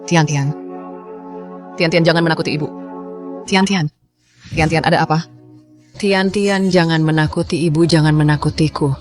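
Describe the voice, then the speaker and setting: A woman's voice: low-pitched, fairly even intonation, moderate pace, long pauses, faint music behind, natural voice. Woman dubbing a frantic loving mother. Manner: urgent, pleading. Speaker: mother character. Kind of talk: dubbed drama acting.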